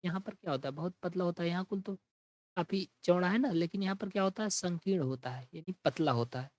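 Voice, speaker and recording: A man teaching an English vocabulary lesson, explaining each word in Hindi and reading the English definitions slowly. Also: high-pitched, darkish tone, no room sound, poor audio. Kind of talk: exam-prep vocabulary lesson.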